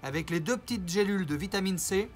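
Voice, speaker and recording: A man's voice: sits high, animated, fast. A man ranting in a casual vlog, mocking and rambling, with theatrical asides to his viewers. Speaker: YouTuber.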